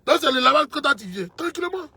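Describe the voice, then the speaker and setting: A fast-talking Ivorian man holds forth in an impassioned political monologue, very high-pitched and very animated. The sound is pushed and bright with no room sound, and the commentator emphatically repeats himself, treating the listener as his brother.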